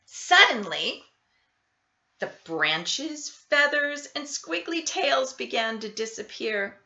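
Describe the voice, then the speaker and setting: A woman narrates a children's picture book in a bright voice with very animated pitch. She reads expressively and takes her time. The sound is a little dull and lo-fi. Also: takes it slowly. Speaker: storybook reader.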